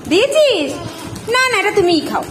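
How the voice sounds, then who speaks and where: A woman's voice: very high voice, big pitch swings, moderate pace. A woman talking to her small child in a playful family home video, coaxing and doting as a mother. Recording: noisy home video recording.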